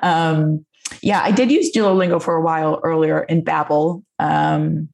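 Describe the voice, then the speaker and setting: A woman's voice: low-pitched, fairly even intonation, a little slow, vocal fry, darkish tone. A woman in casual, giggly, hesitant conversation, recorded on an echoey mic in a hard-walled room. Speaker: podcast co-host. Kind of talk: casual chat. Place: indoor room with hard bare walls.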